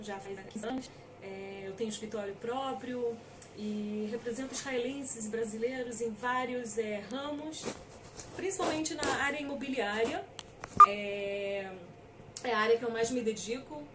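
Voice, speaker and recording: A woman's voice: on the high side, steady tone, moderate pace, distant mic, noisy background. A middle-aged Brazilian woman lawyer giving an informal talk, hesitant with many fillers and emphatic on key points. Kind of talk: informal lecture.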